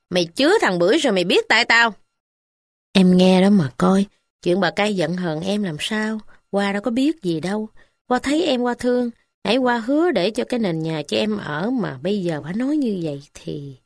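A timid middle-aged village official, played by a woman reader speaks slowly and apologetically with a Southern Vietnamese accent. The sound is dry and close. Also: medium pitch, dry recording, natural voice. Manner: pleading, slow, apologetic.

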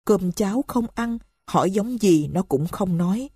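A woman's voice: mid-range voice, expressive, a little slow, mellow, breathy edge, dry recording, clean studio sound. A woman voicing a bitter aunt who scolds and accuses with scorn.

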